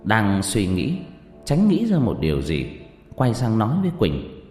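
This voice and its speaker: A male storyteller narrates a ghost story with theatrical flair, his pitch swooping up and down. His voice rings in a roomy reverb. Faint music plays underneath. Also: wildly swooping pitch, unhurried. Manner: theatrical, swinging pitch and loudness.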